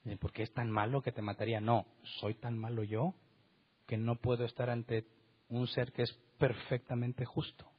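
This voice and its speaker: A husky-voiced man delivering a church sermon, pressing his points with rhetorical questions and acting out the voices in the passages he reads. The recording is dull and lo-fi. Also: mid-range voice, level tone, normal speed. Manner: emphatic, rhetorical questions, acts out quotes. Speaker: pastor. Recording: dull lo-fi sound.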